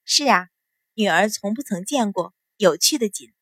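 A woman voicing a calm, sharp-witted young noble daughter who speaks with composed, cool sarcasm. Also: medium pitch, normal speed, slightly rough, no echo.

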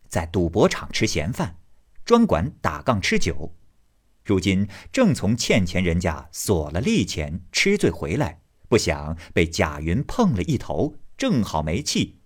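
A man narrating a classic novel as an audiobook in an expressive storytelling manner, with a husky voice. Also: low-pitched.

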